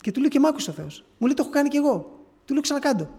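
A man with a high voice preaches, relating an encounter in an earnest, halting manner. He restarts phrases often as he tells the story. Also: sing-song, warm tone. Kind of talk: sermon testimony.

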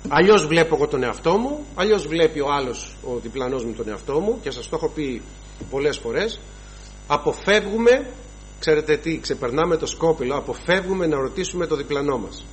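A man's voice: fairly high pitch, animated, slight background noise, rough recording. A man preaching a sermon to his congregation, emphatic and rhythmic, listing sins one after another and calling the listeners brothers.

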